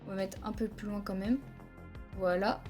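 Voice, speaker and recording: A woman's voice: medium pitch, level tone, normal speed, a little mellow, soft background music. A woman teaching a video editing tutorial over a headset mic, explaining each step plainly and counting frames aloud. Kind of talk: screen-recorded software tutorial.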